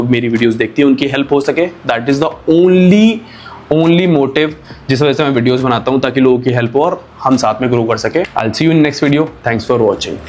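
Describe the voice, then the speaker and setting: A young adult man, a nutritionist and fitness vlogger, giving casual advice straight to the camera in a chatty, reassuring way. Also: mid-range voice. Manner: chatty, reassuring, peppered with "theek hai" and "bhai".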